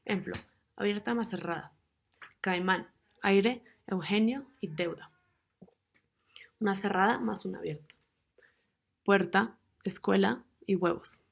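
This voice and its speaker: A young woman, a student presenter, narrating a class presentation and reading out rules and lists of example words in a measured way. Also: medium pitch, vocal fry, husky.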